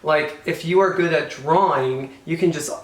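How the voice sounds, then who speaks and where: A man's voice: fairly high pitch, moderate pace. Skeptical young man in an echoey room. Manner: laughing, questioning, skeptical. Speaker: co-host. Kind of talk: comedic advice chat.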